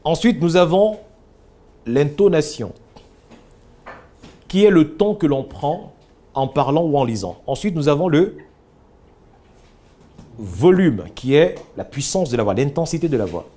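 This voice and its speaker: Animated man coaching public speaking. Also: a little high, measured pace, pauses often. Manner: directive, animated, demonstrates lines himself. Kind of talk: live speaking workshop.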